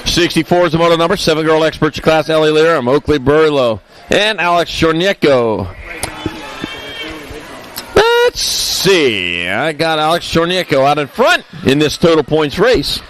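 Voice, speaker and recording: A man's voice: on the high side, expressive, a bit bright, poor audio. A man announcing a live race, rattling off rider names and results and tossing in jokey asides. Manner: jokey asides between rapid rider call-outs.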